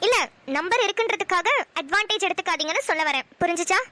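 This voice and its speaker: A woman's voice: very high-pitched, animated, quick pace, heavy background noise. A woman voicing a reserved, self-made young businesswoman in a cartoon, speaking firmly. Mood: guarded. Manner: reserved, firm. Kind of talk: cartoon voice acting.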